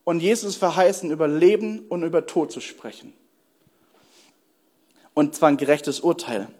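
A young man with a fairly high voice delivers a sermon as a pastor. He speaks earnestly, poses questions to his listeners and leans hard on important words. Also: darkish tone. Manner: earnest preaching with rhetorical questions and slow emphatic stresses.

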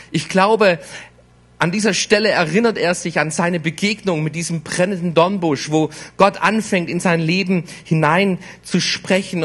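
A man preaching a sermon in a slow, emphatic way, repeating words for weight. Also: sits high, fairly bright tone.

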